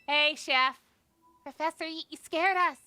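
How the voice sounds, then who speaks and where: A man's voice: extremely high pitch, a little slow, pushed and bright, pitched above the performer's own voice, heavily acted. A man voicing an anxious, easily spooked teenage student in a video game, with an uneasy, questioning delivery. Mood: uneasy, startled.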